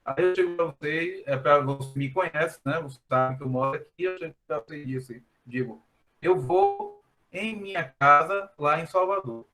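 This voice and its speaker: A man's voice: on the high side, big pitch swings, moderate pace. A man, a math teacher giving a recorded lesson, explaining step by step and often checking in with a rhetorical "né?". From Brazil. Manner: explanatory, repeats points with a rhetorical "né?".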